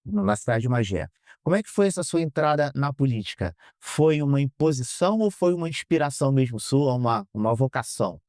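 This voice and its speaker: Male podcast host from Brazil, conversational questioner, average pitch, dry close mic. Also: lively intonation, brisk, a little mellow, no echo. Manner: conversational, brief affirming "uhum". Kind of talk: interview questions.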